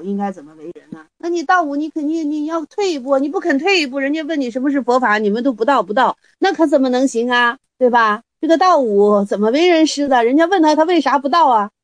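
A woman with a high, bright voice leads a Buddhist study group through a Zen koan. She reads the classical lines slowly and deliberately, then explains them in lively, playful speech full of rhetorical questions. The sound is very dry and close, with almost no room echo.

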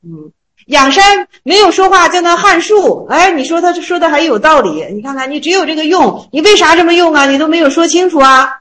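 A woman teaching Zen koans to a small group. She reads the classical lines slowly, then retells them in a chatty, joking way. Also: very high voice, expressive, fairly bright tone, poor audio. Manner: slow, measured reading of classical text, then chatty colloquial retelling; laughs and jokes with listeners.

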